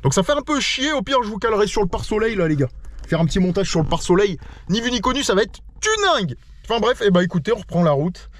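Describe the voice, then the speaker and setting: A man's voice: high voice, big pitch swings, fast talker, fairly bright tone. A man from France talking casually to his camera while driving on a road trip, playful and chatty, with a stuffy nose. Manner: chatty, playful, keeps calling viewers "les loulous". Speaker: travel vlogger. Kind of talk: casual vlog talk to camera. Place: inside a car on a road trip. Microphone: action camera mounted in the car.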